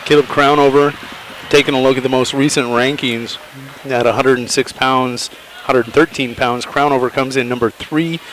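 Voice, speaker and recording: A man's voice: mid-range voice, fairly even intonation, moderate pace, a bit bright, a little hiss or hum, low-quality recording. Upbeat male wrestling play-by-play announcer. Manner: upbeat, chatty, laughs easily. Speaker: wrestling commentator. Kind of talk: play-by-play commentary.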